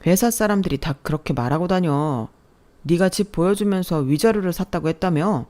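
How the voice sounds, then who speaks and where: A blustering ex-husband in a narrated story, demanding and accusatory, as a woman reader plays him. His voice stays close to the reader's own, low-key and mellow in tone. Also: normal speed, close to an everyday voice. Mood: accusing.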